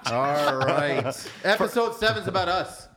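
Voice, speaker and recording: A man born in France, co-hosting a podcast with teasing, lively banter. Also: fairly high pitch, unhurried, a loud crowd. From born in France, raised in Canada. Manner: lively, teasing, defensive when ribbed. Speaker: podcast co-host, contractor.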